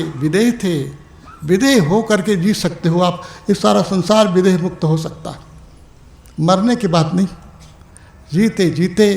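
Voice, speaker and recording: A spiritual teacher with a high, gravelly voice gives an evening discourse, addressing listeners as "my dear" and "my brother." He shifts between rising exhortation and soft, unhurried asides, and the sound echoes through a hall.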